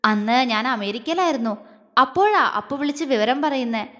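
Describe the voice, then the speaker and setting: A woman voicing a tender young man who speaks softly and affectionately while confessing his love in an audio story. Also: on the high side, expressive, a little fast. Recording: long reverb.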